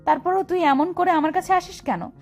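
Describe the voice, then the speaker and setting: A woman's voice: very high voice, fairly quick, a little mellow, soft background music. A woman voicing an angry young woman who harshly scolds and rejects the man pursuing her, in an audio love story. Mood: angry scorn.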